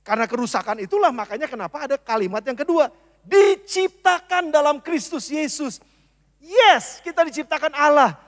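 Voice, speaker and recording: Pastor guy preaching, really high voice, big loud bits then quiet asides, long church echo. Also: normal speed. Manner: animated preaching, swinging from loud emphasis to soft asides. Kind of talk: sermon. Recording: long church hall reverb.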